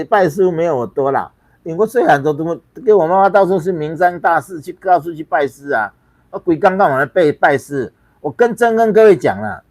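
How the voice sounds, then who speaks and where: A Taiwanese-accented man rants through his livestream in a fairly high voice, blunt and scornful, swearing and hammering the same words again and again. The sound is close and dry, with no room around it. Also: dry recording. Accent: Taiwanese Mandarin. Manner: emphatic, repeats himself in bursts. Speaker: livestream host. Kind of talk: ranting livestream commentary.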